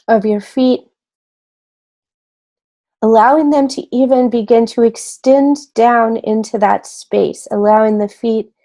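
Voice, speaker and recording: A woman guides a meditation in a fairly high, creaky voice. She stays gentle and soothing, never rushing, and leaves pauses after each short phrase.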